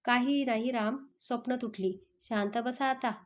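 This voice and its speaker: A woman's voice: a little high, fairly even intonation, unhurried, lightly acted. A woman voicing a playful young female office assistant who teases her boss. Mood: teasing. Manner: playful, then gentle.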